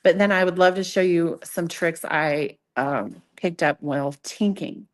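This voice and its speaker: A woman leads a live, hands-on workshop in a casual voice. She is chatty and playful, interrupts herself often and gently mocks herself as she explains. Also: on the low side, unhurried. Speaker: craft instructor demonstrating sock knitting. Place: live in-person event with an audience. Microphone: event microphone.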